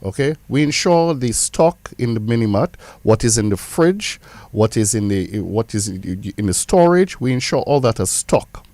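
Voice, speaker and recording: A man's voice: mid-range voice, expressive, moderate pace, few pauses, a little mellow, no echo. A man with a Caribbean accent explaining as an insurance representative, emphatically repeating phrases for stress. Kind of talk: explanatory interview talk.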